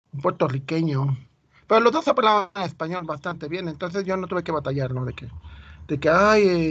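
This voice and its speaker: A man's voice: high-pitched, a bit bright, muffled recording. A Mexican man with a Mexican Spanish accent giving an informal math lecture, chatty and full of anecdotes. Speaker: teacher.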